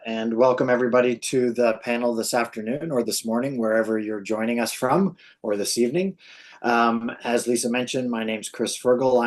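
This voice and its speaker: A man, a professor, moderating a webinar panel over a video call, polite and welcoming with soft fillers. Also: medium pitch. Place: home or office, joining remotely.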